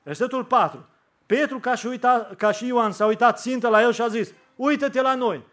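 A man. He slows and lifts his voice on scripture quotes, then drops low and soft in his appeals to the listeners. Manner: fervent preaching, slows and rises on scripture quotes. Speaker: preacher. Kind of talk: sermon.

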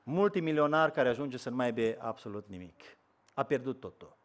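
A man preaching a sermon, dropping from low asides to loud, pleading cries. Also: lively intonation. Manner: swings from low muttering to loud preaching and acted quotes.

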